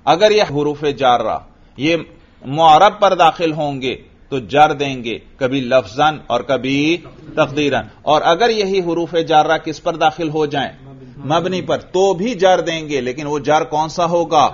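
A man with a Pakistani Urdu accent, a religious teacher giving a classroom grammar lecture, firing short questions at his students and repeating their answers. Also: on the high side. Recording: dull lo-fi classroom recording.

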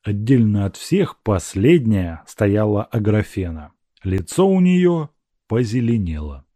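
Lively male audiobook narrator. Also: fairly low pitch, measured pace, no echo, clean studio sound. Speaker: audiobook reader. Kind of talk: scripted narration of a classic novel.

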